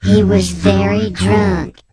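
A man playing an anonymous male informant on a radio comedy bit, his voice electronically disguised, telling absurd events in a slow deadpan. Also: high-pitched, noisy background.

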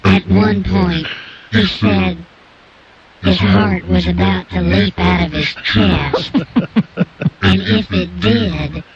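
A man voicing an anonymous male informant through a digitally altered disguised voice, telling his story in a slow, formal, overwrought way. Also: high-pitched, very animated, highs cut off, heavily acted. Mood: solemn. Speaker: guest informant. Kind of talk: radio comedy bit.

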